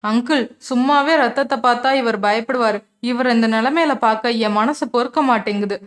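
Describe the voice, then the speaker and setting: A woman voicing a brave young wife, soft and introspective as she reflects on her love. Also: fairly high pitch, normal speed, natural voice. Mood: tearful.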